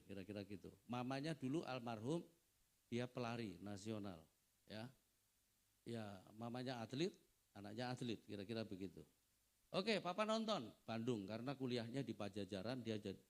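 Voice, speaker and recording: A man's voice: lowish voice, vocal fry, darkish tone. A middle-aged male pastor giving a family seminar sermon, preaching conversationally with frequent asides to the audience.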